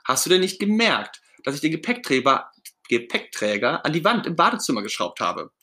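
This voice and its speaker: A man's voice: on the high side, very animated, fairly quick, pushed and bright, voice pushed up. A man voicing Ernie, a cheerful, eager male puppet friend, in a storybook read-aloud.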